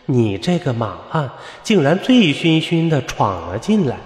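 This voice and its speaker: A man's voice: mid-range voice, big pitch swings, measured pace, a little mellow, roomy sound, big-room sound, faint music behind. A man voicing a wronged young woman who speaks coyly and reproachfully in a spoken ghost story.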